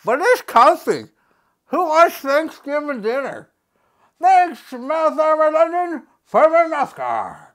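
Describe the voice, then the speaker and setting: A woman hosts a casual unboxing vlog with a mouthguard in, reading the instructions aloud in a playful, joking way. Her voice is high and fairly bright, slow-paced, with big swings in pitch.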